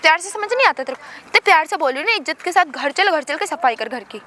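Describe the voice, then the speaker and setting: A woman's voice: high-pitched, animated, quick pace, bright, forceful tone, slight background noise. A woman playing a domineering young wife who taunts and orders her husband about, in a staged street skit. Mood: commanding. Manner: taunting, commanding.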